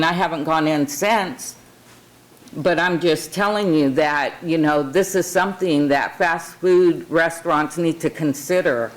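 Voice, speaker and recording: A woman's voice: sits low, rough recording. A woman from California making an informal public comment in an earnest, conversational way, repeating words for emphasis. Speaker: public commenter at a city council meeting.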